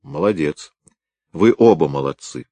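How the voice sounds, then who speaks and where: A seasoned senior detective, thoughtful and unhurried, in a deep low voice, as a male narrator gives him lines. Dry, close audiobook sound. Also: lively intonation, vocal fry, dark tone, dry recording, heavily acted. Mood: musing. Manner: musing, unhurried.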